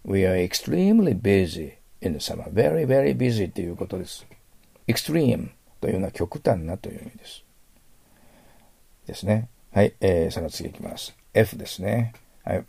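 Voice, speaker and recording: A Japanese man teaches English vocabulary in a patient lecture style, overdoing his pronunciation so learners can mimic it. His voice is low, dark and gravelly. The recording is close and dry. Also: no room sound.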